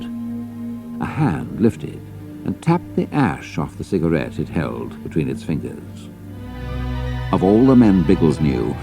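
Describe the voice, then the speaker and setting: Very deep gravelly male narrator. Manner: measured, dramatic storytelling. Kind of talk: scripted audiobook narration.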